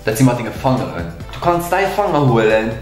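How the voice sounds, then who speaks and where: A man's voice: medium pitch, very animated, a little fast. Young Luxembourgish man in an echoey room. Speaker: video co-host. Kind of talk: casual chat presenting facts and tricks. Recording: echoey room with music behind. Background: music.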